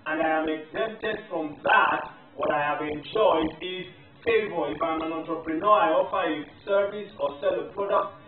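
A man's voice: on the high side, normal speed. A man giving a motivational faith teaching, emphatic and repeating key phrases in lists. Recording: tinny, roomy, distant mic with faint music.

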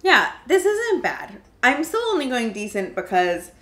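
A woman's voice: a little high, big pitch swings, measured pace, bright, forceful tone. Chatty, curious woman tasting snacks. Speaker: snack taste-test co-host. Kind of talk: casual chat.

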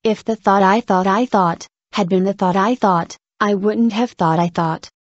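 A woman reading scripted tongue twisters aloud with careful, deliberate articulation. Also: mid-range voice, fairly even intonation, dry recording, highs cut off.

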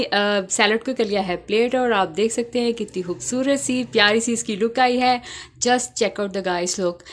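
This home cook's voice is a little high with a fairly bright tone as she chattily guides viewers through a casual recipe demo, sprinkling in English phrases. Clattering in the kitchen makes for noticeable background noise.

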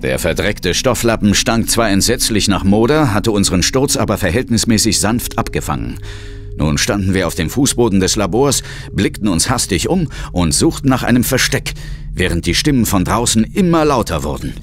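In a horror audio drama, an actor voices an intense ghost hunter narrating his own peril in scripted first-person lines. The man's voice is lowish, expressive, close to everyday speech and at normal speed, with a tense mood and dramatic music playing underneath.

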